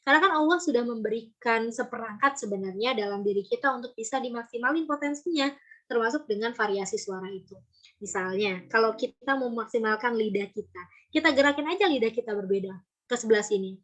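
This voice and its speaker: A woman's voice: on the high side, quick pace. A woman storytelling trainer teaching volunteers in a casual workshop, breaking off to demonstrate voices and intonations.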